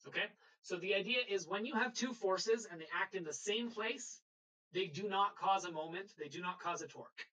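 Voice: mid-range voice, bright, forceful tone, low-quality recording. A sailing instructor giving a live webinar lecture over a video call, explaining patiently and checking in with the class.

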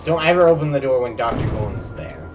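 A man's voice: mid-range voice, animated, fast talker, muffled recording. A young man giving casual, chatty gameplay commentary to his viewers as a game streamer, with boastful banter. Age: young adult. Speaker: gaming streamer. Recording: distant mic under loud game music. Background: loud game music.

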